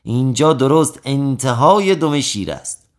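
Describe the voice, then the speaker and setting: A man voicing a patient bath-house barber who calmly obliges his customer. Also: mid-range voice, pitched above the performer's own voice, natural voice. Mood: obliging. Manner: calm, accommodating.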